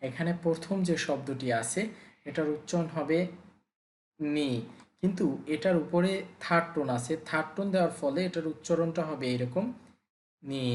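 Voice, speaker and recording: A patient male teacher goes through a pronunciation lesson. He says each practice word twice and drops his voice low on the sample words. The room is echoey. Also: a little mellow. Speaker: language teacher. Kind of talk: language lesson.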